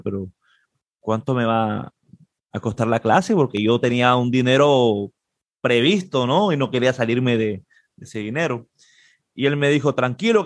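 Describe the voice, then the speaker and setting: A man's voice: medium pitch, no room sound, studio quality. A man from Peru with a Peruvian Spanish accent, a guest telling a casual anecdote and acting out the other people's lines in a raised voice. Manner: animated, acts out quoted dialogue in a raised voice. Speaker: interview guest, trombonist.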